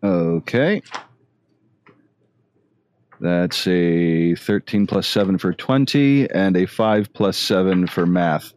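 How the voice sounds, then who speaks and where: A man's voice: low-pitched, slow pace, long pauses, a little mellow. A man playing a tabletop game, joking wryly about his dice rolls. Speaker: player. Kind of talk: casual tabletop play.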